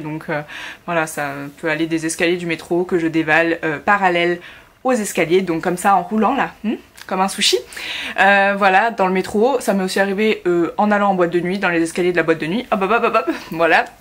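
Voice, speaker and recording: A woman's voice: lowish voice, fairly bright tone. A woman in her twenties from France, talking casually to camera for her vlog, chatty, with many fillers and restarts. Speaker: YouTuber. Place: at home in Korea.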